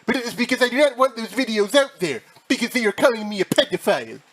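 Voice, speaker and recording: A man's voice: very animated, fast, fairly bright tone, a little hiss or hum, heavily acted. A man putting on a whiny, defensive voice of a young man who got caught lying. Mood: pleading. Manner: high pleading whine.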